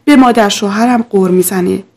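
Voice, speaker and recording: A woman narrating a scripted first-person story in a steady, confessional way. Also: medium pitch.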